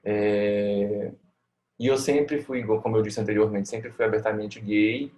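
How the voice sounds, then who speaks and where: A man's voice: fairly low pitch, steady tone, a little slow, darkish tone. A Brazilian man, a family doctor, answering interview questions in a reflective, conversational way, often ending thoughts with tag questions. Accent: Brazilian Portuguese.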